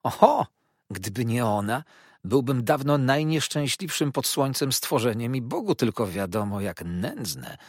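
A man voicing a gentle, eccentric older gentleman in a storybook reading, speaking slowly and earnestly. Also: medium pitch, very animated, no room sound, clean studio sound, pitched above the performer's own voice. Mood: confiding.

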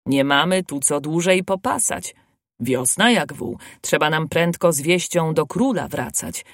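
A storyteller voicing a brisk, bossy gnome who speaks gruffly in a lowered voice. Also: expressive, a bit bright, no room sound, studio quality. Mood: urgent. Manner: gruff, commanding, low.

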